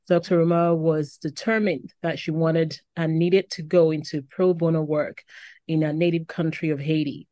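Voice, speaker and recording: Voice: medium pitch, darkish tone, no room sound. A podcast host gives an upbeat, welcoming scripted introduction and asks interview questions.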